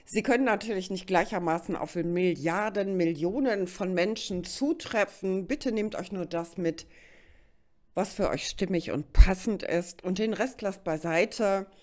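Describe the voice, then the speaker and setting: With a medium-pitched, darkish voice and a slightly slow pace, a middle-aged woman with a mild cold hosts a casual tarot reading. She chats directly to the listener from an indoor card table.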